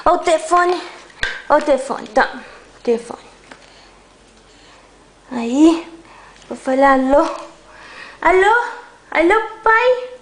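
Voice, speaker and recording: A young mother with a very high voice coos and coaxes her baby in slow, sing-song encouragement. She speaks from behind a handheld camcorder in an echoey room at home, with loud background noise. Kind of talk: home video baby talk.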